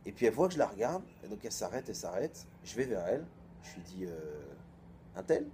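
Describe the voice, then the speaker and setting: A man in his thirties, a rabbi giving an informal storytelling sermon in a colloquial, lively way, acting out both sides of the conversations he recounts. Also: lowish voice, quick pace, a little hiss or hum.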